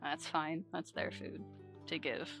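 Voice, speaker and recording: A woman's voice: low voice, level tone, slow, gravelly, fairly bright tone, soft background music. A woman playing a tabletop game, casually voicing and describing what her character says.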